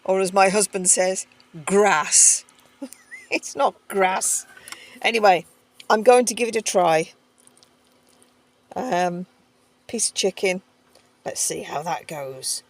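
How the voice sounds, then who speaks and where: A woman's voice: medium pitch, unhurried, pauses often. A woman chatting casually to camera as she cooks in a heated tent, thinking aloud as she goes. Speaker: camping cooking vlogger. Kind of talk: casual cooking chat to camera. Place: inside a heated stove tent.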